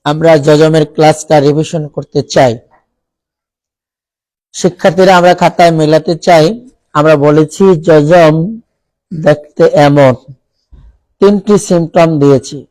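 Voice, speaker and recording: A man with a Bangladeshi accent teaches a classroom of students, explaining each point and drawing out Arabic words slowly. He often stops to ask the class questions and has them repeat after him. His voice sits a little high and sounds dry and close to the mic. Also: steady tone, a little mellow, dry recording, poor audio. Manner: slow, drawn-out recitation of Arabic words as examples. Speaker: Quran recitation teacher. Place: college classroom.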